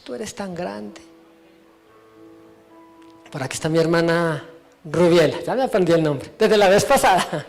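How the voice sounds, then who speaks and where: A male pastor preaching and telling a testimony to a church, storytelling with feeling and falling to a hush at moving moments. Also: fairly high pitch. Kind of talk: testimony sermon.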